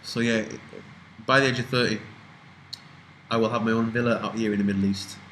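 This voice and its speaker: A man's voice: on the low side, fairly even intonation, brisk, a bit bright, a little hiss or hum, rough recording. A man in his twenties from the UK, chatting casually and rambling as he answers viewer questions, swearing freely. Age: 20s. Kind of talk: casual Q&A chat.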